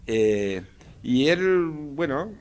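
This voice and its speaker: A man's voice: fairly high pitch, lively intonation, drawn-out words, slight background noise. An older man from Argentina with an Argentine accent, an economist answering interview questions in a hesitant way, with many fillers and restarts. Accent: Argentine Spanish. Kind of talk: casual interview talk.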